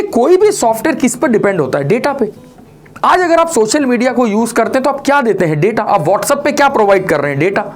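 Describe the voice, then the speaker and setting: A man in his forties teaching a programming lecture, mixing Hindi and English and asking rhetorical questions. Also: high voice. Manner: mixes Hindi and English, with frequent rhetorical questions and "right?" check-ins. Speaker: programming instructor.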